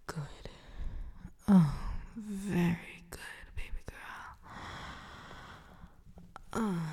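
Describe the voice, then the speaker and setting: A cruel, gloating succubus, as a woman acts her out breathes out each taunt in a dark, gravelly whisper, so breathy it is nearly all air. She drags every phrase out slowly, and a long hall reverb trails behind her. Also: medium pitch, heavily acted. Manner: whispers almost every line, slow and taunting. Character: predatory teasing female succubus, cruel and gloating. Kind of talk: erotic audio roleplay.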